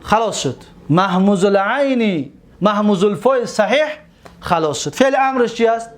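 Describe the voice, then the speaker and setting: A man's voice: sits high, lively intonation. A man teaching Arabic grammar, drilling word forms over and over and asking questions that he then answers himself. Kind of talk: classroom-style lecture.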